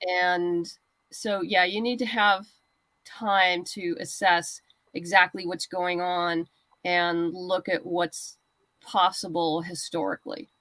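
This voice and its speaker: Slow and flat, her lowish voice still has a fairly bright tone as this guest writer and comic creator talks casually in an interview, giving practical tips on crowdfunding. The recording is free of echo.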